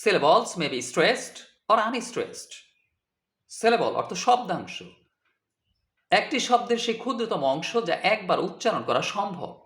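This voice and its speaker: A man teaches English vocabulary at a very slow, careful pace, spelling each word out letter by letter. His voice sits high and moves a lot in pitch. The recording has a noticeable echo from the room. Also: very animated, fairly bright tone. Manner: spells words letter by letter and translates each line. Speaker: English tutor. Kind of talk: slow deliberate vocabulary lesson.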